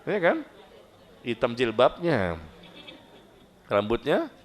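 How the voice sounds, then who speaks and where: A middle-aged man preaching a humorous sermon to a study gathering, joking and often jumping high in pitch for emphasis. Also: huge pitch swings, slow pace.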